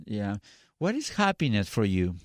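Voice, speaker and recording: A man's voice: on the low side, huge pitch swings, normal speed, no echo, clean studio sound. Spanish-speaking man hosting an interview. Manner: searching for words, asking in short restarts. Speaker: podcast host. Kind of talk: casual interview.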